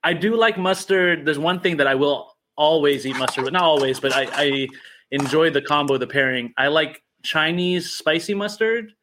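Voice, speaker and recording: A man's voice: a little high, normal speed, fairly bright tone, a little hiss or hum. A man, a priest hosting a casual group livestream, talks in a rambling, playful way and often corrects himself mid-sentence.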